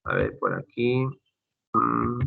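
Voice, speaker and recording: Slow and gravelly, with huge swings around a medium pitch, a university lecturer teaches online over a video call. He chats through his course materials with plenty of fillers and calls his students "chicos," his computer mic giving dull lo-fi call audio.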